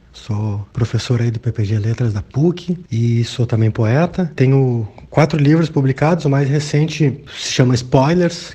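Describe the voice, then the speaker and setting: A man's voice: medium pitch, mellow, husky. A male poet and professor introducing himself in a casual, friendly way. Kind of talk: self-introduction.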